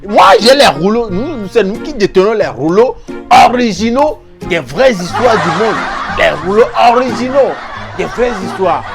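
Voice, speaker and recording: A man telling a made-up history as a comic story, animated and repeating words for laughs. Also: high voice, normal speed, over music. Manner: animated, repeats words for comic effect, mimics local accents. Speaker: comedian telling a mock history.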